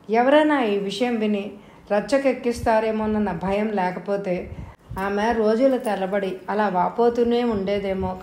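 Woman reading a novel out loud, steady measured pace, middle pitch. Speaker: audio novel narrator. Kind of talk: scripted narration.

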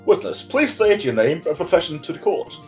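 A man voicing a cold, haughty male prosecutor in a game playthrough, speaking low and formally. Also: very animated, fairly quick, darkish tone, faint music behind. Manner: low, formal courtroom delivery.

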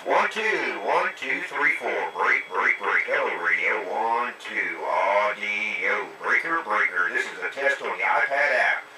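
A man calling out a slow radio mic test, heard over a CB radio receiver in a radio shop. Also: lowish voice, animated, bright, forceful tone. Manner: slow, drawn-out test calls. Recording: echoey, distant, noisy radio speaker.

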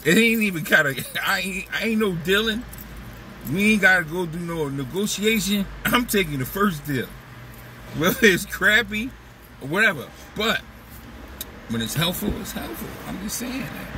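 A man's voice: high voice, animated, moderate pace, bright, forceful tone, far from the mic, a little hiss or hum. A man talking through a casual, profane, rambling comedic monologue as a vlog host, slipping into mocking voices. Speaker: vlogger host.

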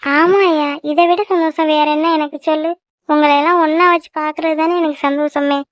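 A tender mother who misses her son, played by a woman, speaks softly and emotionally in a very high cartoon voice. The sound is close and dry, with a slightly dull, lo-fi tone. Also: steady tone, normal speed, no echo, lightly acted. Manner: soft, emotional. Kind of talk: cartoon voice acting.

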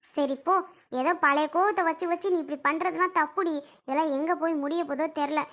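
A woman's voice: high-pitched, fairly even intonation, fairly quick, a bit bright. A woman playing a caring but stern older aunt in a family drama skit, scolding and comforting in colloquial speech.

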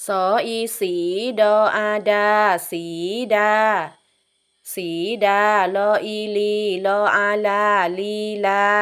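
A woman teacher leading a phonics lesson for young children, reading each syllable slowly and carefully. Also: medium pitch. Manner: slow, drawn-out syllable-by-syllable reading.

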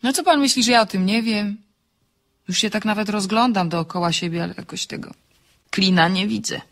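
A woman's voice: mid-range voice, fairly quick, lightly acted. An actress playing a dry, ironic woman architect in a radio drama, trading quips on the phone. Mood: wry. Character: wry, sharp-tongued woman architect.

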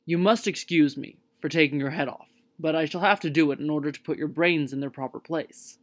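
A woman's voice: deep voice, brisk, lightly acted. A woman voicing a polite humbug wizard. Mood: obliging. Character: little old male wizard, a kindly humbug. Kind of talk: storybook reading.

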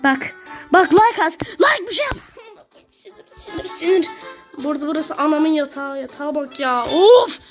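A woman's voice: sits high, animated, normal speed, soft background music. A woman ranting and swearing through gameplay commentary in a small bedroom at home. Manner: irritable, swears constantly, rants at the game. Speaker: gaming video creator.

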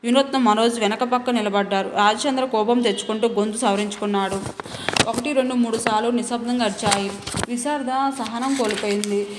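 A woman's voice: fairly high pitch, fairly even intonation, brisk, big-room sound, noisy background. A woman reading a novel aloud, voicing all the dialogue in her own voice with small restarts. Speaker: novel reader.

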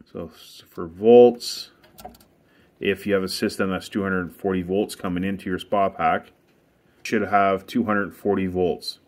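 Brief: man, lowish voice, plain practical hot tub technician walking through a repair outdoors. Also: steady tone, unhurried. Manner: plain, practical step-by-step instructions. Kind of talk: casual how-to demonstration. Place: outdoors beside a hot tub equipment bay.

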